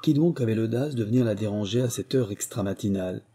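Mellow, husky male audiobook narrator. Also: fairly low pitch. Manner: measured, literary storytelling. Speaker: audiobook reader. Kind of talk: scripted narration.

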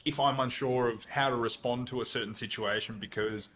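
A man's voice: medium pitch, steady tone, brisk, fairly bright tone. Blunt, chatty man talking ads. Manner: blunt, conversational, acts out sample prompts. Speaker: guest, Google Ads consultant. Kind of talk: casual podcast interview.

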